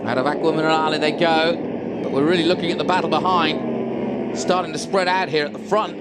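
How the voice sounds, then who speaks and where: A man's voice: fairly high pitch, steady tone, a little fast. A man commentating live on a motor race as a motorsport commentator, with dramatic play-by-play phrasing and rhetorical questions. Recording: loud engine and trackside noise. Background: motor race vehicles.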